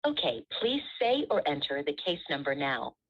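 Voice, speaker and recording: A low, slightly husky woman's voice plays from a recorded phone menu on a speakerphone. She reads automated prompts in a measured, polite way while her pitch rises and falls a lot. The sound is muffled and dull. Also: very animated. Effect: recorded phone menu voice heard over a speakerphone.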